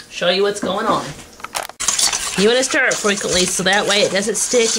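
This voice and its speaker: A young woman, walking through a home cooking recipe step by step in a folksy, homey way in her kitchen. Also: mid-range voice. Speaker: cooking show host. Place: home kitchen with wooden walls. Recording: noisy home camcorder audio.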